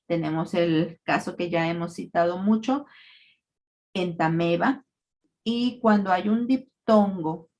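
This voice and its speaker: A woman giving a recorded parasitology lecture, explaining terms in a measured way with frequent fillers. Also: on the low side, fairly even intonation, darkish tone.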